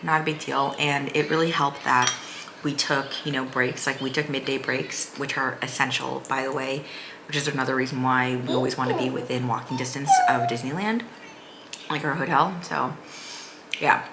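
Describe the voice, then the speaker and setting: Mom vlogger rambling casually, low bright voice, some steady noise behind her. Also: moderate pace. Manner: rambling, informal, frequent "like". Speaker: vlogger, mother of a young child. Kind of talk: casual chatty vlog recap.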